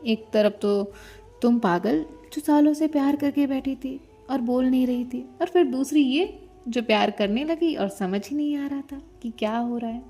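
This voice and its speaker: A woman's voice: sits high, moderate pace, mellow, faint music behind. A woman voicing a bossy, nosy sister-in-law who interrogates and scolds with affection, in an audio love story. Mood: scolding. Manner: interrogating, mock-stern, scolding.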